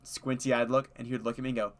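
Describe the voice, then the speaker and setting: A man's voice: mid-range voice, little pitch movement, quick pace, vocal fry. A young man streaming and chatting casually, rambling with lots of fillers and frequent laughter. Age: young adult. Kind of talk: casual chat while gaming.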